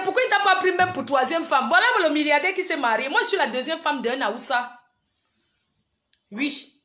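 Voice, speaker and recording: A woman's voice: sits high, sharp tone, roomy sound. Fiery woman ranting on a livestream. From Cameroon. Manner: confrontational, scolding, addresses rivals directly. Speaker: livestream host. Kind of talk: heated livestream rant.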